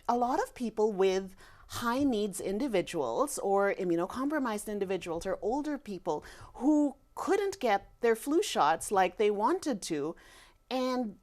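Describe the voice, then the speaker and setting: A woman's voice: medium pitch, sing-song, unhurried, darkish tone. A woman speaking as a guest physician in a conversational interview, telling things emphatically and voicing what people said.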